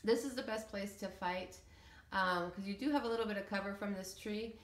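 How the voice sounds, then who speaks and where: A video creator walks through one of her game settlement builds in a casual, hesitant, meandering way. Her medium-pitched voice is fairly even and fairly quick, and the recording has a roomy, echoey sound.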